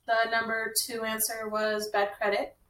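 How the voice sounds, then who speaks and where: A woman co-hosting a casual real estate podcast. She chats quickly and laughs often. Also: fairly high pitch, completely flat delivery, fairly bright tone. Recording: echoey room, distant mic, faint noise.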